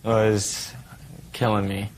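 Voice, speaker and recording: A young man testifying as a litigant, giving short, flat, polite answers. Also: on the low side, slow pace, a little hiss or hum. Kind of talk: courtroom testimony.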